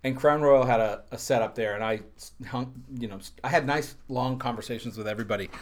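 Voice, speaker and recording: A man's voice: medium pitch, quick pace. A man co-hosting a casual chat, telling rambling anecdotes with dry asides. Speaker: co-host. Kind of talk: casual chat about whiskey.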